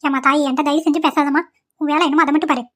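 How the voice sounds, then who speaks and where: A domineering cartoon mother-in-law, voiced by a woman, cold and harsh, firing off quick scolding lines. The voice sits high and moves fast. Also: fairly even intonation, lightly acted. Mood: scornful. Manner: sharp, scolding.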